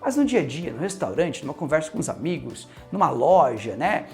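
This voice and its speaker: Animated Brazilian man teaching English. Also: on the high side, fairly quick, gravelly, soft background music. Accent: Brazilian Portuguese. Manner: animated, mixes in English phrases, keeps checking in with "ok?". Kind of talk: casual video lesson.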